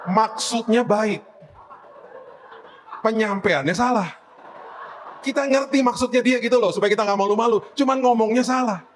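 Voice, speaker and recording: A middle-aged male pastor delivering a sermon in a fairly high voice. He preaches with animated storytelling, swings into playful humorous asides, then comes back to firm exhortation. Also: moderate pace, pauses often, a little hiss or hum.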